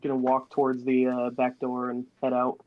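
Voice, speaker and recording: A man's voice: mid-range voice, monotone, moderate pace, narrow, tinny audio. A man playing a tabletop game, talking eagerly, stumbling over words and laughing often. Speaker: player. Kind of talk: casual chat at a tabletop game.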